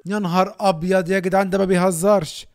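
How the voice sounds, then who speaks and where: A young Egyptian man with an Egyptian Arabic accent, joking and animated as a gaming YouTuber. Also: sits high, fast. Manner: joking, animated, laughs often. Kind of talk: playful gaming commentary.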